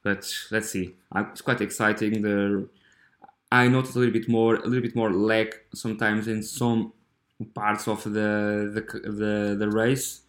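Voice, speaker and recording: A Portuguese-accented man speaks in a casual, halting way, stopping often to restart his sentences. His voice sits low and stays fairly flat in tone. The room around him gives a noticeable echo. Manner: hesitant, halting, with many fillers and restarts. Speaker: podcast host. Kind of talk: casual monologue.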